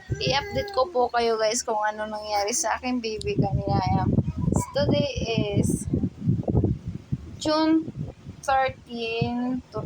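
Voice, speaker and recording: A woman's voice: on the high side, very noisy. A woman, a mother chatting casually to her vlog viewers at home, playful and mixing Tagalog with English. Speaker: vlogger and mother.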